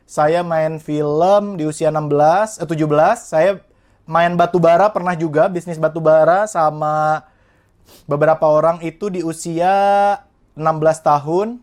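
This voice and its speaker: A young man in his twenties from West Java speaks as an interview guest, his voice sitting a little high for a man. He tells his story earnestly and keeps turning to address the listeners in a motivational tone. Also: steady tone, moderate pace, a little mellow. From Indonesia, West Java. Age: 20s.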